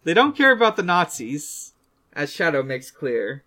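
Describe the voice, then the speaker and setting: Recounting a story to friends, this podcast co-host halts often and lets pauses drag on. The mid-range voice is bright and forceful, with big swings in pitch.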